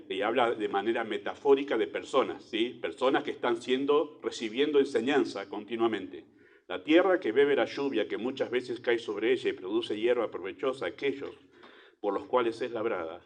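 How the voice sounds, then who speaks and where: A man with a Rioplatense Spanish accent, a pastor preaching a sermon in church, asking rhetorical questions and swinging between loud emphasis and quiet asides. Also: medium pitch.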